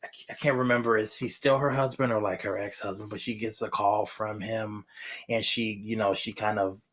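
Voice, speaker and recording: A man's voice: fairly low pitch, fairly even intonation, fairly quick, a bit bright. A man casually recapping a TV episode, rambling with lots of fillers and restarts. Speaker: TV recap reviewer.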